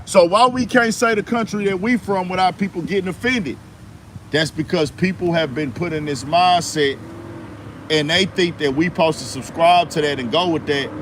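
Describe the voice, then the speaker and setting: Firing off rhetorical questions in slangy speech, an American man hosts an emphatic political commentary monologue. His voice sits high and moves at a normal speed, and slight background noise is audible.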